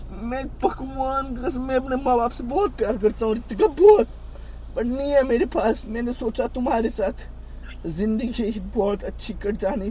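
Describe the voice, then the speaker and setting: Sobbing young man, very high voice. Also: mellow, dull audio, a little hiss or hum. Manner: pleading, repeats himself in distress. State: crying, sobbing. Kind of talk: emotional unscripted talk.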